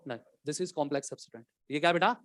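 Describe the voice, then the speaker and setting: A man teaching a chemistry class, quizzing the students and dictating questions slowly. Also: fairly high pitch, a bit bright, dry recording, studio quality. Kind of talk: classroom lecture.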